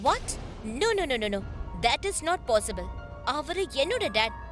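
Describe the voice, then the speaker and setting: A spoiled, anxious young daughter. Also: female voice, high-pitched, big pitch swings, extremely slow, full character voice. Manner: petulant, anxious. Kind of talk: dubbed television serial acting. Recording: music score under dialogue.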